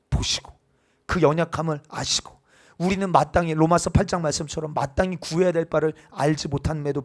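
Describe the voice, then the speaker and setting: High-voiced male pastor preaching. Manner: keeps asking the congregation for responses; builds to loud, emphatic proclamation. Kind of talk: sermon.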